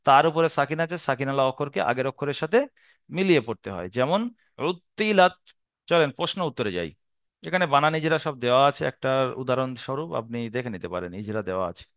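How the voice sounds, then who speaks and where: A man teaching Quran reading in a slow, patient lesson. He explains each rule again and again and draws out the Arabic syllables he recites. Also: mid-range voice, lively intonation, fairly bright tone, no echo, clean studio sound.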